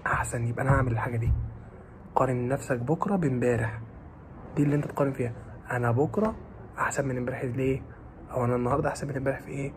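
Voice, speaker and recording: A man with an Egyptian Arabic accent giving students a fast, pleading and scolding pep talk, repeating his phrases. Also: medium pitch, a little mellow, slight background noise. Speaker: motivational talker for exam students.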